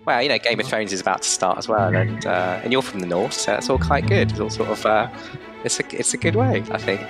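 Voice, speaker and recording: Low-voiced podcast host. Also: male voice, animated, a little fast, music in the background. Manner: chatty, encouraging, rambling with filler words. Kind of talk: casual podcast interview.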